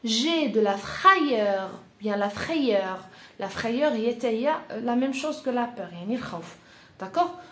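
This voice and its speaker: A woman teacher with a Moroccan accent, her voice set a little high. She says key phrases slowly and more than once, and keeps checking that her pupils follow. The recording has the echo of a roomy space. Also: animated, darkish tone, a little hiss or hum. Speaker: French teacher. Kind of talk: classroom-style language lesson.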